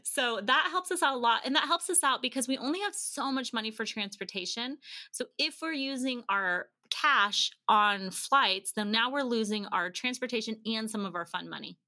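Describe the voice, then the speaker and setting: A middle-aged woman with a fairly high-pitched voice chats as a podcast guest, recounting her family's travel experiences at a moderate pace with no echo. Her storytelling is casual and animated, and she retells exchanges in quoted dialogue.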